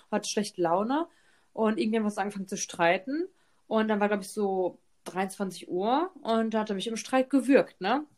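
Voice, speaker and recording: A woman podcast co-host telling a personal story in casual chat, tagging her sentences with quick questions to her partner. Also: medium pitch. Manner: chatty, peppers talk with "ne?" tag questions.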